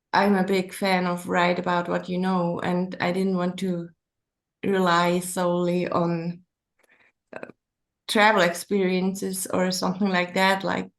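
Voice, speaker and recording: Creaky-voiced woman with a Swiss German accent. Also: fairly low pitch, monotone, slow, pauses often. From Switzerland. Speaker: author being interviewed. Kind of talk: conversational interview.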